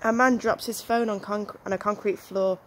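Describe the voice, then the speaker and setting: A woman's voice: medium pitch, fairly even intonation, moderate pace. Woman reading out jokes. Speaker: joke reader. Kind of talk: reading out one-liner jokes. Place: small back garden, outdoors. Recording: faint outdoor background noise.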